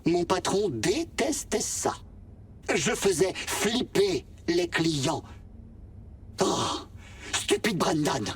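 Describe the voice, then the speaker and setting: A sentient vending machine in a video game, wry and gentle. The delivery is unhurried and theatrically expressive, with big swings in pitch. It sounds slightly distant and polite. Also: male voice, husky, exaggerated voice. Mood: wry, candid. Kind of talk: video game acting in French.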